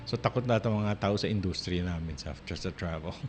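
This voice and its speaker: A male radio host talks in a loose, rambling way, often restarting his sentences and laughing softly. His voice sits a little low. Music plays clearly under him throughout the broadcast. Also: fairly quick. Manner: rambling and conversational, with frequent restarts and soft laughs. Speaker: radio talk show host. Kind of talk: casual on-air monologue. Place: radio studio.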